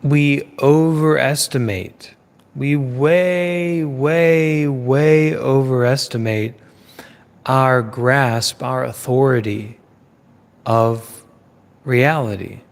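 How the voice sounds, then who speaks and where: A man giving a live Dhamma talk as a Buddhist teacher. He speaks in a measured way, repeating phrases in lists with pauses. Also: mid-range voice, big-room sound.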